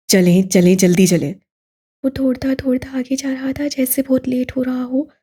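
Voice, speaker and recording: In a soft, very breathy, high-pitched voice, a woman narrates a romantic novel as a scripted audio story.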